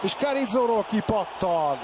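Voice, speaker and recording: An excited male football commentator with a fairly high voice. He makes clipped, urgent calls of players that leap up at every chance, over clearly noisy broadcast sound.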